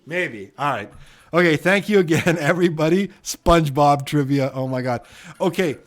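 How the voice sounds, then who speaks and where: A man from Edmonton with a Canadian accent, his voice on the high side and at a normal speed, hosts a trivia live stream. Rambling loosely and chattily, he reads viewer comments aloud, using many fillers and "you know what".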